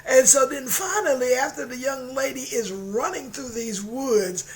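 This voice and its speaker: A man with a high-pitched voice speaks as a motivational storyteller. His delivery is informal and emphatic, leaning on repetition to drive home a moral. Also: measured pace.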